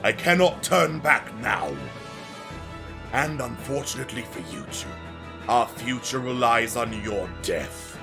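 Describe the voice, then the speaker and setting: A man's voice: medium pitch, expressive, measured pace, gravelly, over music, voice pushed down. A man voicing a grim, determined female beast ruler, speaking in a solemn, declamatory way.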